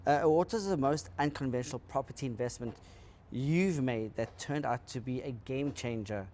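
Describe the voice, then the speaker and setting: A man's voice: mid-range voice, moderate pace, a little mellow, a little hiss or hum. Encouraging man podcast host. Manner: encouraging, frequent short agreements. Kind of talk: casual podcast conversation.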